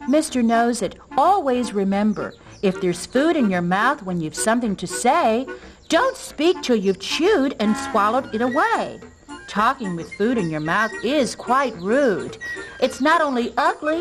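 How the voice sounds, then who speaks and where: Woman voicing a high, lilting, old-fashioned manners lady for a kids' show, genteel, gives rhymed advice. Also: very animated, unhurried, over music. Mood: instructive. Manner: genteel, sing-song, speaks advice in rhymes, calls others dearie. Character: prim, sweet older-fashioned lady manners expert. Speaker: manners advisor host. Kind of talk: children's show character acting.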